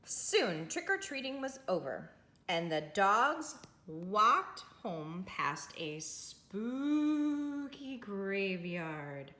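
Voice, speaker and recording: A library storytime host reads a children's picture book aloud, her mid-range voice very animated, extremely slow, pushed and bright. She delivers it dramatically and adds friendly asides to the young listeners, in a roomy indoor space with lots of echo.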